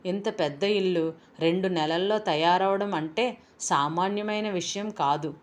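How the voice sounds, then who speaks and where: A plain-spoken man overseeing a house build in an audiobook novel, voiced by a woman narrator. He is matter-of-fact and steady, in a fairly low register. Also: a little slow, close to an everyday voice.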